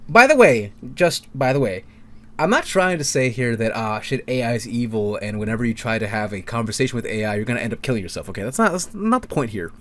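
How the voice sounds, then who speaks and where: Animated young man chatting on a podcast. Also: medium pitch, fast. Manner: animated, laughing, stumbling restarts. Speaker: podcast co-host. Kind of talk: casual podcast chat.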